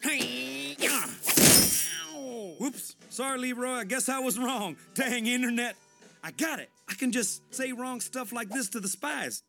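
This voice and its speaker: Cartoon race driver, goofy and cheerful, twangy drawl, very high and lively. Score behind. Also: male voice, a little slow, creaky, pauses often, over music, full character voice. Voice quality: twangy, folksy drawl, boastful. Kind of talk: cartoon voice acting.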